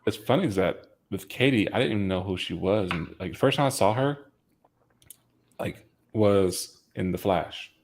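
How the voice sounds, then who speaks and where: Gravelly, animated man chatting casually. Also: lowish voice, moderate pace. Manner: animated, laughs often, many fillers. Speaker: podcast co-host. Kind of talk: casual chat.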